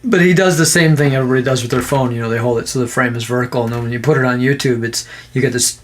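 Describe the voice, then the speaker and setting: A man with a Minnesota accent co-hosts a casual podcast chat. He rants with heavy sarcasm and often jumps into loud, mocking put-on voices. His pitch sits in the middle range for a man. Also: racing, slight background noise. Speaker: podcast co-host.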